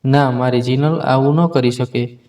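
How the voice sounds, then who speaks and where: A man's voice: mid-range voice, fairly even intonation, a little slow, darkish tone, close to an everyday voice. A man voicing an earnest young husband. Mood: pleading. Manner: pleading, then hurt. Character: earnest young husband trying to make peace.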